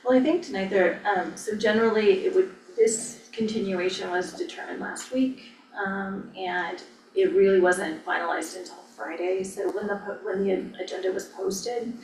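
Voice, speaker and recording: Echoey, distant American woman giving halting updates. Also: medium pitch, fairly even intonation, a little mellow. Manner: hesitant, halting phrasing. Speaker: planning staff official. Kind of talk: informal update at a public meeting. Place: indoor public meeting room. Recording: echoey room, distant mic, faint noise.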